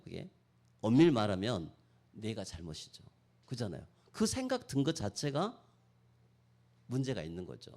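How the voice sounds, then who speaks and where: A man preaching a sermon as pastor, swinging between loud exhortation and soft acted-out prayers. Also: mid-range voice. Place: church sanctuary.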